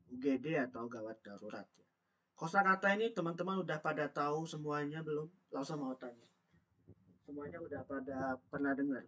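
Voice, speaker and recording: A man runs a Mandarin lesson in a bright, forceful voice, steady in pitch. He repeats each word patiently and keeps quizzing his learners. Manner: patient, repeats words and asks learners questions. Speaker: Mandarin teacher. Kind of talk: online language lesson.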